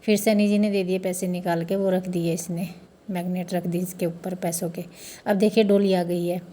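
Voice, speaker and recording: Mellow-voiced woman narrating a family vlog. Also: on the low side, level tone, moderate pace. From India. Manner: chatty, explains customs step by step. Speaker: family vlogger. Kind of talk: casual vlog narration to viewers. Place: family home during a festival.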